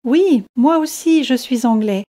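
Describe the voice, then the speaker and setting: A woman's voice: sits high, lively intonation, unhurried, mellow. A woman voicing a retired old Englishman, a tall, thin, kindly fisherman with an easygoing manner. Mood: friendly.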